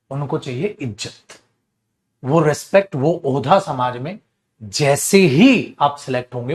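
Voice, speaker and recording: A young adult man with a Hindi accent lectures a class on grammar, voice set a little high for a man. He scolds and pleads by turns, pressing every point hard and calling his students "beta". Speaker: English teacher.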